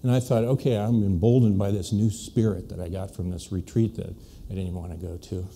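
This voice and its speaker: Dark-voiced man telling a story onstage. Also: fairly low pitch, fairly even intonation, a little fast, creaky, a little hiss or hum. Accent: American. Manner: conversational, anecdotal, drops to quiet asides. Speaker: physician giving a conference talk. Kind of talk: storytelling speech to an audience. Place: conference meeting hall.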